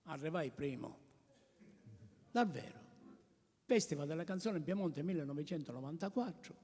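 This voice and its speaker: High-voiced Sicilian man doing stage comedy. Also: expressive, normal speed, husky. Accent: Sicilian Italian. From Sicily, Italy. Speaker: stand-up comedian and singer. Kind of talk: comic stage monologue. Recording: echoey hall reverb, loud music behind. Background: loud accordion music.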